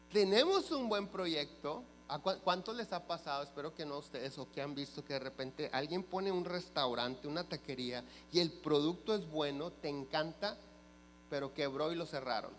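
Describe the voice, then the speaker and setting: A male pastor preaching with a fairly high voice, bringing his stories to life by acting out each exchange and turning questions to the congregation. His voice carries a long church reverb, and a faint mains hum sits underneath. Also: moderate pace. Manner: animated storyteller who acts out dialogue and questions the congregation. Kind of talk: sermon. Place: church sanctuary.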